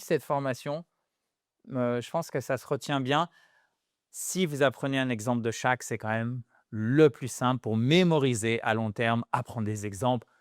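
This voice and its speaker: A man teaching English grammar in French, lively and self-deprecating, drilling pronunciation by repeating words. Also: mid-range voice, dry recording, clean studio sound. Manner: lively, self-deprecating, jokes about being a pain.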